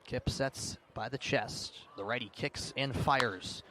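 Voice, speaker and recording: Slow and mid-range, a man's voice carries live radio sports commentary from an outdoor ballpark or sports field. As a play-by-play announcer, he details the action and ramps up his intensity on big plays, over faint background noise from the live broadcast.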